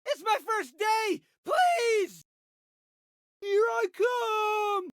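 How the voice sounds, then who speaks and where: Excitable, high-voiced young bodyguard. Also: male voice, very slow, no room sound, shouting, studio quality, heavily acted. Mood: frantic yelling. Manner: excitable, awkward, hammy. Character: eager, lovesick, bumbling young male bodyguard. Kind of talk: animated video game character acting.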